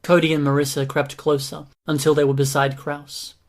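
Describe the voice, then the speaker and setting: Man reading an audiobook in an even tone. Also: fairly high pitch, moderate pace. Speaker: audiobook narrator. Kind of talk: scripted narration.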